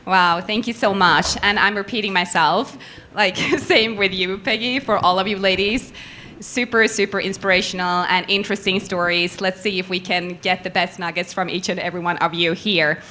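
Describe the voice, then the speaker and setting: Woman panel moderator with a bright, forward voice, effusive and upbeat. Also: mid-range voice, fairly even intonation, moderate pace, slight background noise. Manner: enthusiastic, effusive. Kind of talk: live panel discussion. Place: event room with a live audience.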